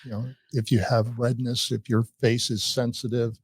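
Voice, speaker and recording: A man co-hosting a podcast, chatting casually and relaxed about salon work. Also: medium pitch, moderate pace, husky, no echo. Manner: brief agreeable replies, relaxed. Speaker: salon co-host. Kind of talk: casual chat.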